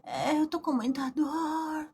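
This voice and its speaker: A whiny, self-pitying woman patient sighs into her phone, put on by a woman teacher. She speaks softly and slowly in a raised, fragile voice with a Brazilian Portuguese accent. Every phrase drips with pity for herself. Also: high voice, slight background noise, pitched above the performer's own voice. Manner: soft, sighing, self-pitying.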